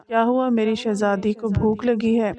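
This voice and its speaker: A young mother in a narrated story pleads and weeps, asking to be forgiven, as a woman reading it voices her. The tone is mellow and soft rather than bright. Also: on the high side, little pitch movement, lightly acted. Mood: tender. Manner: tearful, imploring.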